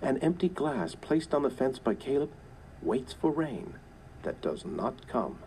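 Mellow man introducing a story. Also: medium pitch, big pitch swings, measured pace, creaky, a little hiss or hum, rough recording. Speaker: audiobook narrator.

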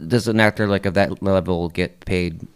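A man's voice: sits low, steady tone, moderate pace, clear, resonant tone. A young man joining a casual podcast chat, often stopping and restarting his sentences. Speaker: podcast co-host.

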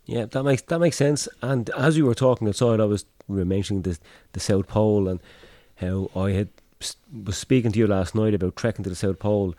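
A man's voice: lowish voice, fairly quick, hardly any pauses, dark tone, no echo, studio quality. A man interviewing in a casual, chatty way, with tentative, rambling phrasing.

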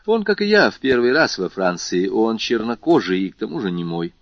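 A man voicing a calm mysterious nobleman. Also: lowish voice, brisk, slight background noise. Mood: composed. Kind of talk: audiobook character voice. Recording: slightly muffled lo-fi recording.

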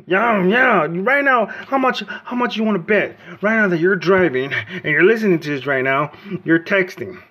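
A man's voice: sits high, normal speed, bright, forceful tone, slightly rough, muffled recording. A man in his late forties hosting a mock radio show from home, rambling and joking in a loose comedic monologue. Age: 40s. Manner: rambling, joking, often laughing. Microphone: phone.

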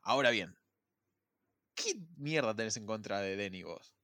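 A man's voice: fairly low pitch, normal speed, no room sound. Rioplatense man, casual podcast chat, slangy and emphatic, dry sound. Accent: Rioplatense Spanish. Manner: rambling, slangy, argues with animated emphasis. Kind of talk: casual chat about films.

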